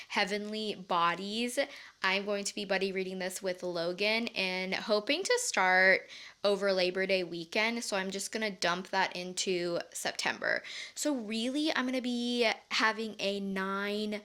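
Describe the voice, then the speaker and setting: A woman's voice: medium pitch, a bit bright. A young woman book vlogger chatting casually to her viewers, bubbly and self-teasing.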